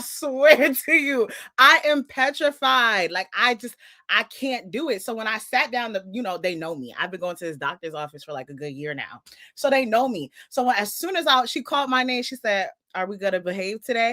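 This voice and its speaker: A woman in her twenties co-hosts a podcast, chatting casually and telling stories animatedly while acting out the dialogue. Her voice is medium-pitched and free of echo.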